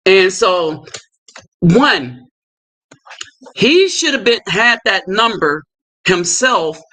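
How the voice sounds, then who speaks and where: A man hosting a live stream, talking casually in quick bursts with asides and fillers. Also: sits high, sing-song, bright, forceful tone. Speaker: livestream host.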